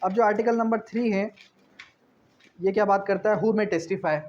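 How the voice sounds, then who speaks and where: A man with a Pakistani accent and a high, slightly mellow voice gives an explanatory exam-prep law lecture at normal speed with fairly even intonation. He switches between reading legal clauses and explaining them, repeats key phrases and answers his own questions didactically. The audio is dull and lo-fi with faint noise.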